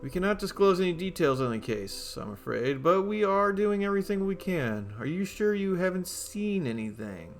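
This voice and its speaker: A man's voice: high-pitched, big pitch swings, normal speed, few pauses, soft background music. A man voicing an FBI agent in a game, asking formal, polite questions. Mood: businesslike.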